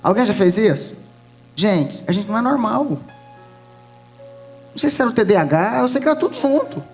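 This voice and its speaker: A Brazilian woman preaching a testimony in church, telling stories in a lively way and acting out the voices of others. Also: mid-range voice, a little fast, faint music behind. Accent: Brazilian Portuguese. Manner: lively storytelling with laughs, acts out voices. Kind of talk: sermon testimony.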